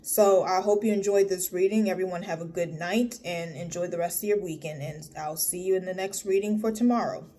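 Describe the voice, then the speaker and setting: A woman in her late thirties giving a casual tarot reading, blunt and profane, her voice climbing high when she makes a point. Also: a little fast, hardly any pauses, warm tone, slight background noise. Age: 30s. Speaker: tarot reader.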